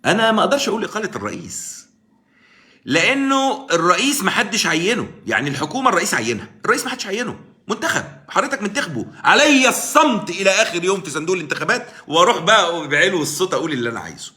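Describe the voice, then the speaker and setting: An Egyptian-accented man talks fast on his live stream and argues his case to the viewers. His pitch swings widely from high to low, and his voice sounds bright and forceful. He calls out viewers by name as he answers them. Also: sing-song. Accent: Egyptian Arabic. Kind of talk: casual political commentary on a live stream. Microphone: live-stream mic.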